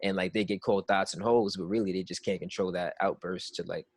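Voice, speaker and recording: A young man co-hosting a podcast, talking frankly in a casual chat with lots of halting restarts and fillers. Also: low-pitched, little pitch movement, husky, dry recording. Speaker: podcast co-host.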